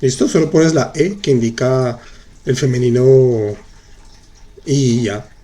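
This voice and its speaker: A man's voice: mid-range voice, dark tone. A man teaching in during a live online class, patiently repeating examples and answering viewers' chat questions. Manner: patient, explains slowly and repeats. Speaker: French teacher.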